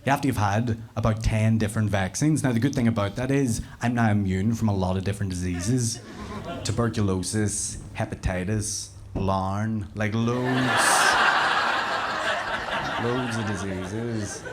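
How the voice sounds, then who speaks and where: A man's voice: on the low side, normal speed, heavy background noise. Northern Irish man doing stand-up. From Northern Ireland. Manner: cheeky, swears freely, jumps to shouting punchlines. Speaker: stand-up comedian. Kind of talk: stand-up comedy set. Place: live comedy venue with an audience.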